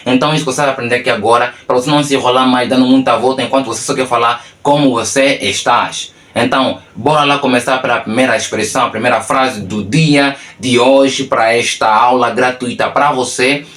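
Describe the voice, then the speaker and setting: A man's voice: mid-range voice, fairly bright tone, reverberant. A man from Angola with an Angolan Portuguese accent, teaching an online lesson and explaining step by step with repeated tag questions. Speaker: English teacher and mentor.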